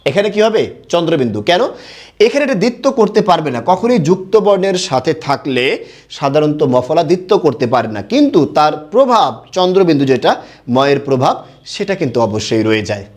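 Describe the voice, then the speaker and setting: Lively male teacher with a fairly high voice, quizzing his students in an online lesson. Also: fast talker. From Bangladesh. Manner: asks rhetorical questions and answers them himself. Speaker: Bengali grammar teacher.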